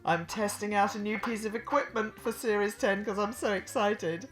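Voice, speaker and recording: A woman's voice: medium pitch, normal speed. A woman co-hosting a podcast, chatting in a playful, teasing way. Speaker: podcast co-host. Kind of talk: casual chat.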